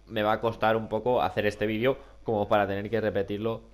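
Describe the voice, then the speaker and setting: A man's voice: lowish voice, level tone, brisk. A young man with a Spain Spanish accent and a nasal, duck-like voice congested by a cold, chatting casually and colloquially as a gaming YouTuber. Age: young adult. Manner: rambling, colloquial. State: sick with a cold. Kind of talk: casual chat over gameplay. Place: small room at home.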